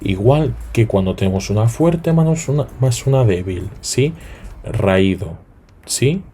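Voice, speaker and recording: A man's voice: lowish voice, animated, mellow, slight background noise. A man teaching a lesson, spelling points out and often checking in with rising questions. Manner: repeats and spells out points slowly. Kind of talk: explanatory lesson.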